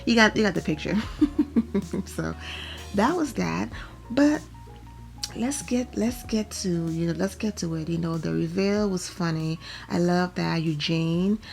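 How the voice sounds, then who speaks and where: A woman's voice: on the low side, unhurried, vocal fry, soft background music. A young woman from Liberia, hosting a casual, opinionated recap vlog and laughing often. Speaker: vlog host reviewing a reality show.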